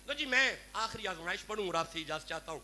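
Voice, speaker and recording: A Pakistani man with a Punjabi accent, a Sufi preacher, speaks in a high-sitting, expressive, bright voice with a forceful tone. His devotional sermon to the gathering is fervent and pleading, directed at his listeners, and the live recording is noisy with hum.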